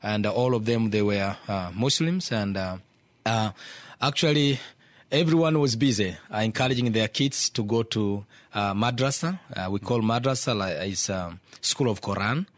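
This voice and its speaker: A man from Tanzania, speaking as a radio interview guest in halting English full of fillers and restarts. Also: on the low side, no echo. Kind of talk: hesitant conversational English.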